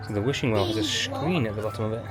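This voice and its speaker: Racing along at a medium pitch, a parent vlogger narrates a casual walk-through of a family theme park trip, outdoors and sometimes inside small buildings. Loud music plays behind the outdoor park ambience.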